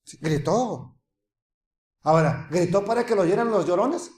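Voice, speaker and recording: A man preaches with a fairly high voice, moving from lively, laughing impressions of doubters to near-hushed asides. The recording carries a noticeable roomy echo. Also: measured pace. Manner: animated, acts out crowd voices with laughter, drops to soft hushed tones. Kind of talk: sermon.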